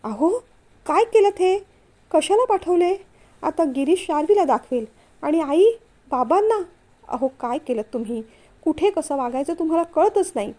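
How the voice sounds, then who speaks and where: A woman voicing a shy, modest young wife who pleads and protests softly, read aloud as a story. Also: sits high, lively intonation, fairly quick. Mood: upset. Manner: pleading, flustered.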